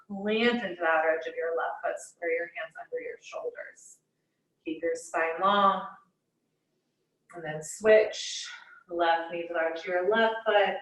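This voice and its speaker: A woman yoga teacher guiding a class in a soothing, unhurried manner, with gently inviting cues and pauses between them. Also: fairly low pitch. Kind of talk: guided hatha yoga instruction. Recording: echoey room, distant microphone.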